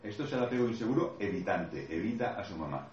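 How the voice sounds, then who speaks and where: A man's voice: lowish voice, animated, quick pace, dull audio. A man giving a classroom lecture, explaining patiently with playful acted asides to his audience. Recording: echoey room, mic far off, faint noise.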